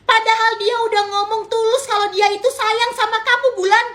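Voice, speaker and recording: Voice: very high-pitched, steady tone, brisk, pushed and bright. A performer voicing a father in a comedic skit who lectures one child for being unkind to her sibling. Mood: reproachful. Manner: lecturing, reproachful. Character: stern, preachy father defending one child.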